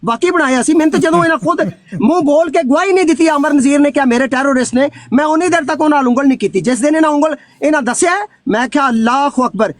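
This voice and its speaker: A man's voice: extremely high pitch, fast talker, hardly any pauses. A man, arguing hotly in a live debate, accusing and restarting often. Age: 60s. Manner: heated, accusing, stumbling restarts.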